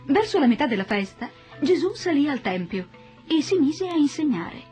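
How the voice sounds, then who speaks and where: A woman narrating a Bible passage in a steady, solemn storytelling manner. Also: high-pitched, normal speed, soft background music.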